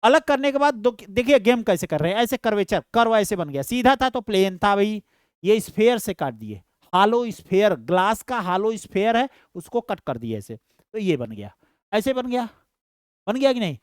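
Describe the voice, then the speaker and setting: A man teaches science to students online. He talks through each step in a lively voice that swings up and down, fondly calls them "beta", and keeps checking that they understand. The sound is dry, with no room echo. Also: high voice, normal speed, clean tone.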